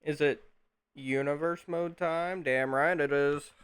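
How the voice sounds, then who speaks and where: Dude streaming, rambly, uh like you know, kinda bright tone. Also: male voice, fairly high pitch, steady tone, slow pace, clear, resonant tone. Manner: rambling, lots of fillers and restarts. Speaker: streamer hosting wrestling game commentary. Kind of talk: casual live-stream commentary.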